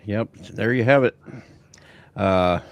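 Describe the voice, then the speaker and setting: A man's voice: fairly low pitch, slow, creaky. An American man co-hosting a podcast, talking casually in a rambling, folksy way with frequent restarts. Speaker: podcast co-host. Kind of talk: casual chat.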